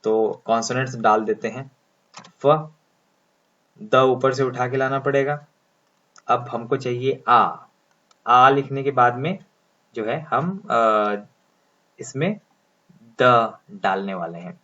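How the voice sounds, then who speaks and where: A man explains English pronunciation in Hindi, his medium-pitched voice sounding pushed and bright. Moving step by step, he deliberately stretches out each sound as he writes the symbols. The audio has a dull, lo-fi quality.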